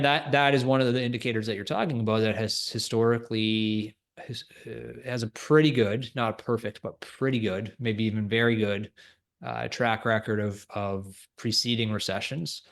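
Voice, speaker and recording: A man's voice: lowish voice, steady tone, normal speed, vocal fry. A man co-hosting a finance podcast, explaining markets in a thoughtful, hedging way. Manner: thoughtful, hedging, laughs between points. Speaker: co-host. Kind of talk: casual finance podcast chat.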